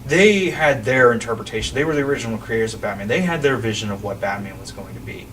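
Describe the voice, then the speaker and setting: A man's voice: medium pitch, expressive, quick pace, a bit bright. A man hosting a casual podcast chat about films, rambling and often restarting his sentences. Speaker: podcast host. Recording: distant mic with faint ambient noise.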